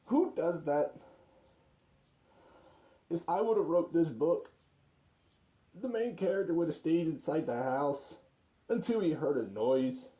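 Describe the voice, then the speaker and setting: A man's voice: a little high, lively intonation, unhurried, long pauses, mellow. A man in an opinionated, argumentative comic monologue, arguing with himself.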